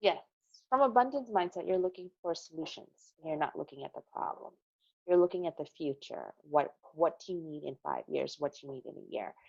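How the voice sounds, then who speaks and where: She is a middle-aged American from Connecticut, an earnest interview guest who draws on her own experience and repeats phrases for emphasis. Low-pitched, gravelly, husky, and a little mellow, she speaks expressively and a little fast; the recording is dry and dull.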